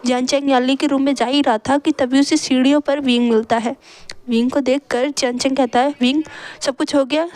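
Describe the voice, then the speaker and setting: A woman narrating an emotional fan-fiction story in an earnest, steady storytelling manner. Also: sits high, a little fast, no room sound.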